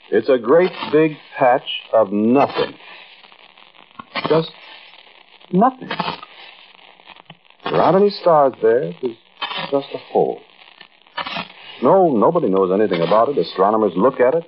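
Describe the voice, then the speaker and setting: In a 1940s radio monologue, an actor with a mid-range voice plays an intense, haunted American man confiding an eerie tale. He speaks conversationally and directly to the listener, using emphatic pauses, on a muffled, noisy old radio recording.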